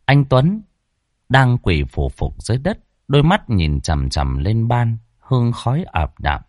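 A man hosting and narrating a horror story in a lively, chatty way. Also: on the low side, dry recording, clean studio sound. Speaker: storyteller and channel host.

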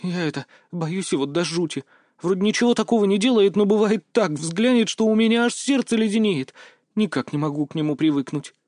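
A lively teenage girl, voiced by a man in an audiobook, teasing and chirpy. The voice sits high and bright, and the recording is dry and close. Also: brisk, no room sound. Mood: frightened. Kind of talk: audiobook character voice.

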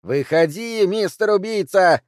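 A male reader pushes his voice up into a raging, shotgun-toting woman screaming taunts into the dark woods. Her lines come out high, loud and shrill. The audiobook sound is dry and close. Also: unhurried, dry recording, lightly acted. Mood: taunting yells. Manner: yelling, furious, taunting. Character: enraged red-haired woman with a shotgun, shrieking threats.

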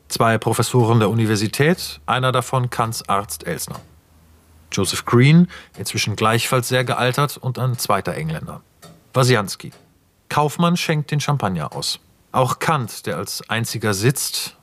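In a radio play, a man reads the screenplay's scene and camera directions in a detached, scripted way. His voice is medium-pitched and close to how he'd normally speak.

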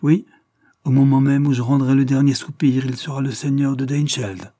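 A man reading the part of an older lord, mocking and secretive, speaking in a wry, measured way. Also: medium pitch, steady tone, warm tone, no room sound, clean studio sound, voice pushed up, close to an everyday voice.

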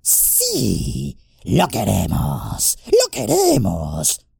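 A man voicing a wretched hobbit-like creature torn between two selves in an audiobook, with a creaky, raspy, wheedling voice that swings from low mutters to shrill squeaks. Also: huge pitch swings, drawn-out words, a little mellow, no echo, clean studio sound, heavily acted. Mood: craving. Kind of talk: audiobook character voice.

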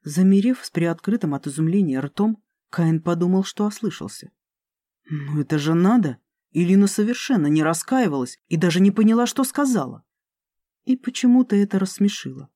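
An audiobook narrator reading a fantasy story with an even storytelling delivery. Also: medium pitch, a little fast, dry recording, clean studio sound.

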